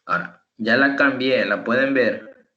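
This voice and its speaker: A man's voice: medium pitch, a little slow, pushed and bright, dull audio. A man tutoring English over an online call, explaining spelling rules patiently, step by step. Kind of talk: online teaching.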